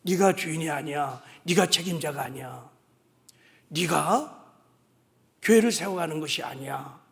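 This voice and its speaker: A man voicing God as a gentle, fatherly divine voice that speaks slowly and softly, with tender admonition. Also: a little high, creaky, voice pushed down. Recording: long reverb of a large hall.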